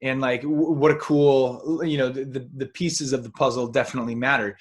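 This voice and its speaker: A man hosting a podcast interview, asking thoughtful questions in a halting way with frequent restarts. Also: medium pitch, fairly even intonation. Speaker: podcast host. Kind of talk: casual interview.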